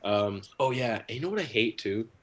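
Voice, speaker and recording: Jamaican guy doing stand-up from his house on a stream, kinda low voice, rambly, says like and um a lot. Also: animated, normal speed, a bit bright. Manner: rambling, lots of "like" and "um", crude jokes. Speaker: stand-up comedian. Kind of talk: stand-up comedy set on a livestream. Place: at home.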